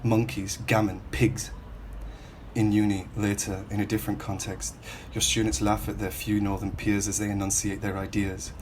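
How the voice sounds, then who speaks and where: A man from Hull reads his own prose aloud in a measured, questioning way. His voice sits low and stays flat and even. A steady hiss of background noise runs under the recording. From Hull, England. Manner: measured, reflective, questioning delivery. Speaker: writer reading his own work. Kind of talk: literary reading in the second person.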